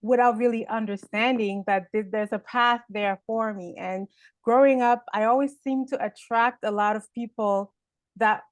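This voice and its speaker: A woman's voice: on the high side, fairly even intonation, moderate pace, no echo. A woman born in Haiti and raised in Canada, a personal development speaker answering interview questions in a reflective, hesitant way.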